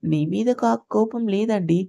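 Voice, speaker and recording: A woman voicing a hurt young wife who holds back tears, speaking softly and in a subdued way. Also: mid-range voice, unhurried, gravelly, dry recording. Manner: soft and subdued.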